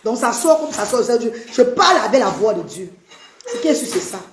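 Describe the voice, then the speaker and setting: A woman's voice: fairly high pitch, very animated, fairly quick, roomy sound, noisy background. Effusive woman streaming live. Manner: effusive, repeatedly greets viewers and pleads for shares. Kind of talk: live stream chat to viewers.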